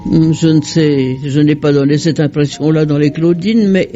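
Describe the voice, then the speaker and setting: An older woman answering interview questions slowly and with halting restarts, heard from an old worn tape archive. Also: low-pitched, steady tone, mellow. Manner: slow, hesitant, halting restarts. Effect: old worn tape archive recording. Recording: dull lo-fi old tape with faint music.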